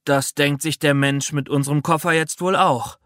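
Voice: medium pitch, steady tone, moderate pace, a bit bright, no echo, lightly acted. A reader voicing a stern, dismayed father in a children's audiobook, dry and stern.

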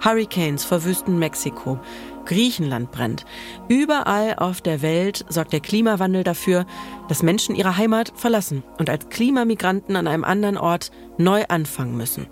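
A woman hosting and narrating a podcast, telling the story in a lively, personal way. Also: fairly low pitch, normal speed, faint music behind.

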